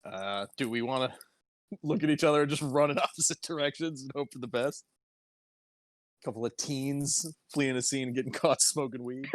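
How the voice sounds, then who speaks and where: A man's voice: mid-range voice, normal speed, dry recording. Joking man, dry close sound. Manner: joking, laughs while talking. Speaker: player. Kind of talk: casual tabletop game chat.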